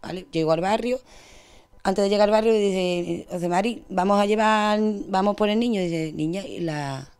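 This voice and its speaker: A young woman with an Andalusian accent, giving a distressed, rushed account as an interviewee. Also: mid-range voice, darkish tone, clear, resonant tone. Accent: Andalusian Spanish. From Spain. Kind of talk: emotional testimony.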